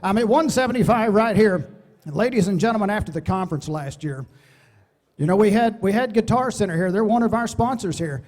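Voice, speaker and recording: A man calls bids in a rapid, rhythmic auction chant, pitched high. He sounds like he's competing on stage, and his voice rings through a big hall with long reverb. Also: expressive, a little mellow. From Texas. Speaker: auctioneer contestant. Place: large event hall.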